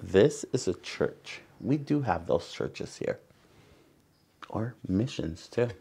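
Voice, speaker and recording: The voice is fairly low, expressive and slow, with a creaky, mellow, breathy quality. It belongs to a man in his forties from San Salvador, El Salvador, who hosts a storytime indoors before a wooden backdrop, reading a picture book aloud and explaining things to children in a Salvadoran accent.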